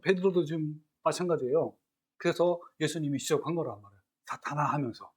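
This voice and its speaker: A man preaching a sermon as a pastor, asking his listeners questions and acting out quoted scripture. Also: medium pitch.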